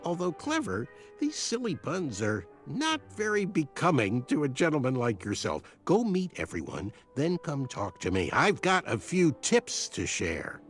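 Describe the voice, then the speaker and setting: Friendly gossip knight, lively pitch, game dialogue. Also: male voice, unhurried, faint music behind. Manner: chatty, gossipy, polite. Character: friendly male knight, gossipy and well-informed. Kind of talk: video game voice acting.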